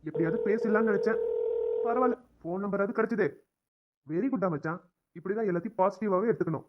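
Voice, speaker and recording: A man's voice: high voice, highs cut off, very noisy, natural voice. A man voicing young male doctors in a cartoon drama, chatting and joking between friends. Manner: brisk, chummy banter.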